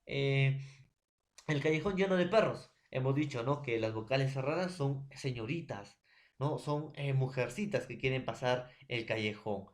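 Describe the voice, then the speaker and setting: A Peruvian man with a Peruvian Spanish accent teaching a recorded school lesson, explaining slowly with a homely story and often checking in with his students. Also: medium pitch, expressive.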